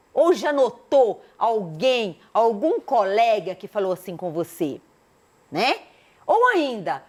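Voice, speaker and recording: In a recorded school lesson, a Brazilian woman teacher with a voice on the high side speaks animatedly and fires many rhetorical questions at her students.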